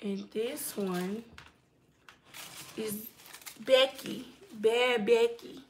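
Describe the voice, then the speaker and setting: A woman's voice: a little high, darkish tone, slight background noise. A woman hosting a casual live stream from home, chatting to viewers and to her houseplants. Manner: slow, chatty, talks to her plants and to viewers reading comments.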